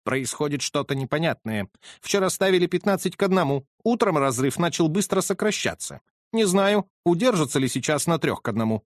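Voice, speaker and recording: An agitated, exclaiming old colonel with a racehorse riding on the day, as a man reading a storybook puts him on. The voice jumps high and hurries along. It sounds close and dry, with no room around it. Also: lively intonation, fairly quick, no room sound, close to an everyday voice. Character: excitable aristocratic old male colonel, racehorse owner.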